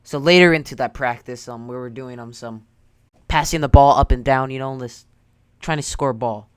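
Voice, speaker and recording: A man's voice: mid-range voice, normal speed, clear, resonant tone, no echo, studio quality. A teenage boy telling a story on his vlog in a casual, rambling and sarcastic way with crude jokes. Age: teens. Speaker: YouTuber.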